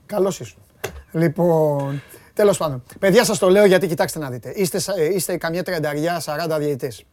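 A man hosting a casual sports talk show, rambling in an animated way and laughing often. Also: fairly high pitch.

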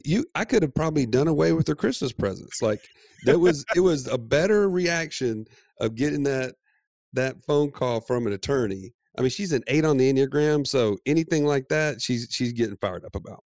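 Male co-host, gravelly voice, animated casual storyteller, dry studio sound. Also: mid-range voice, moderate pace, no echo. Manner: animated storyteller, laughs often. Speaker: podcast co-host. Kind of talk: casual chat.

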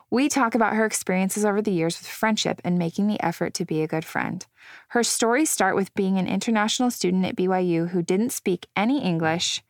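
A woman's voice: fairly low pitch, no echo, studio quality. A woman hosting a podcast interview, speaking in an enthusiastic, gushing manner. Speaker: podcast host. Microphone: video call.

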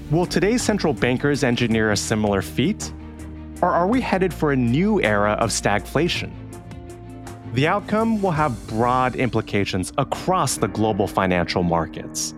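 A man hosting a podcast, delivering scripted narration with music behind him. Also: mid-range voice. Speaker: podcast host. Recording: prominent music bed behind voice.

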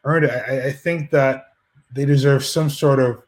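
A man's voice: mid-range voice, steady tone, moderate pace. Rambling man in a casual chat. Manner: rambling, argumentative, frequent restarts. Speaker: podcast co-host.

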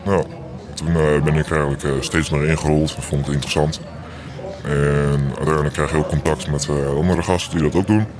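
A young man in his twenties, his voice disguised with an effect that makes it sound very deep. He talks hesitantly with many fillers. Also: level tone, fairly quick, a crowd in the background. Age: 20s. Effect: voice disguised by pitching it down to sound very deep. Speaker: interviewed hacker. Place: small café.

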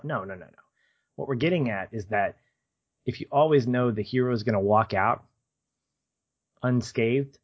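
Reflective man with a lowish voice. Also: highs cut off. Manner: reflective, poses rhetorical questions. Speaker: podcast co-host. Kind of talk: conversational film discussion.

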